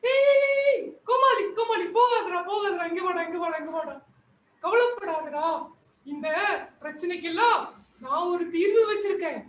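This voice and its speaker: A man's voice: very high-pitched, expressive, unhurried, fairly bright tone, echoey room, far from the mic, a little hiss or hum, pitched above the performer's own voice, heavily acted, rough recording. A man voicing a fussy, caring old grandmother puppet who calls out shrilly, mixing Tamil and English. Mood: coaxing. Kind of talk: puppet show.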